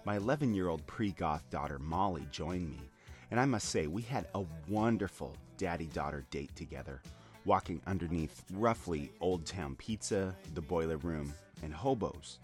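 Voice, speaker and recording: A man's voice: low-pitched, expressive, moderate pace, soft background music. A middle-aged man reading scripted first-person narration as a host, in a wry, florid manner. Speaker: show host.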